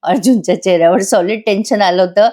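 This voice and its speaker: A woman's voice: medium pitch, fast, dark tone. A woman giving a chatty voice-over recap of a TV serial episode, talking straight to her viewers. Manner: chatty, amused, addresses viewers. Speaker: serial reviewer.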